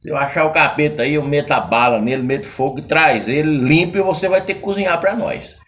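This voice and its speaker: A man with a Brazilian caipira accent voicing a stubborn, rough rural hunter who talks bluntly and curses. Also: fairly high pitch, a little fast, fairly bright tone, close to an everyday voice. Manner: blunt, gruff, cursing.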